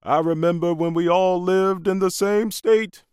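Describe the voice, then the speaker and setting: A man's voice: sits high, steady tone, unhurried, darkish tone, clean tone, dry recording, clean studio sound, pitched above the performer's own voice. A man playing a wistful grandfather who misses his family, speaking in a raised, plaintive voice. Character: fond older grandfather, wistful.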